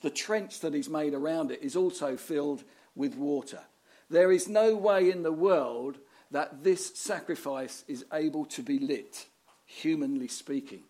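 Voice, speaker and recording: Male preacher, raised-pitch voice, storytelling sermon delivery. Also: dark tone. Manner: storytelling, rhetorical questions, dramatic reading of scripture.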